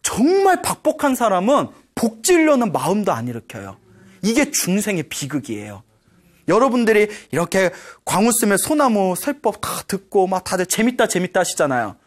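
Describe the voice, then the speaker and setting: A monk giving a Buddhist dharma talk, telling a story and acting out its dialogue, often checking in with listeners. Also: male voice, sits high, moderate pace. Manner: lively storytelling, acts out dialogue; frequent rhetorical "예?" checks with audience.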